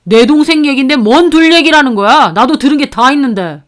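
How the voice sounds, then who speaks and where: A woman's voice: sits high, expressive, brisk. A woman voicing an angry older brother and company manager who berates a careless employee. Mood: furious. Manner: furious, berating.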